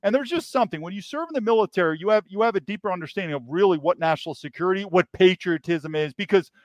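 A former FBI agent from New York appears as an interview guest, telling his stories emphatically and often repeating words. His voice is high and animated, moving at a quick pace, and the recording is dry.

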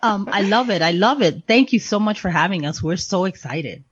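A woman's voice: medium pitch, expressive, normal speed, husky, no room sound, highs cut off. A woman in her fifties, a podcast co-host on as a guest, joking playfully and laughing often. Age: 50s.

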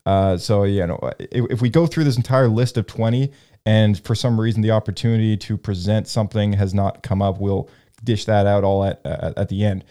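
Guy hosting a casual podcast chat, low mellow voice, lots of uhs and rambling. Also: steady tone, a little fast. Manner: rambling, many fillers and restarts. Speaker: podcast host leading discussion.

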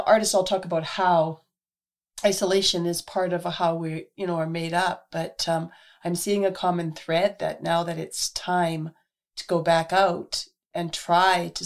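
Hoarse, husky woman radio host. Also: on the low side, a little mellow. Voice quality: husky, gravelly. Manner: chatty, earnest, many fillers. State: hoarse from illness. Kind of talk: casual radio monologue.

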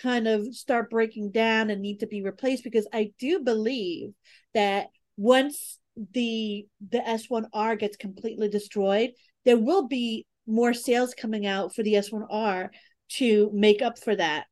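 A woman's voice: fairly high pitch, steady tone, unhurried, darkish tone. A woman co-hosting a podcast in casual chat, teasing her partner and laughing often. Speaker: podcast co-host.

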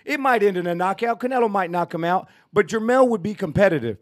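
A man's voice: high-pitched, lively intonation, quick pace. A man with a Texas accent, co-hosting a casual boxing talk show and arguing emphatically. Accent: Texan. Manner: emphatic, repetitive, ranting. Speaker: podcast co-host. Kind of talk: casual sports debate.

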